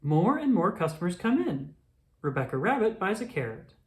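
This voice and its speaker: A narrator reading a children's storybook aloud in a deliberate way for young listeners. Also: mid-range voice, sing-song. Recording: roomy echo.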